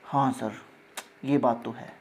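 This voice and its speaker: A man's voice: medium pitch, little pitch movement, slow pace, darkish tone, voice pushed down. A male teacher voicing an eager young male student who keeps calling him sir and pleads with him. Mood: agreeing.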